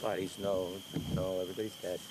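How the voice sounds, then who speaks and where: An actor playing a dazed, wounded male crash survivor, halting and stammering in shock, in a horror film. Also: deep voice, level tone, over a noisy crowd, natural voice. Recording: very noisy outdoor night location sound.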